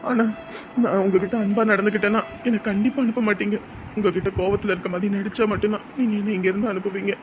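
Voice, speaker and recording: A woman's voice: medium pitch, fairly even intonation, fast talker, a little hiss or hum, close to an everyday voice. Woman voicing a stubborn proud son. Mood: dismissive. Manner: dismissive, brushing off concern. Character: stubborn grown son hurt, proud, leaving home.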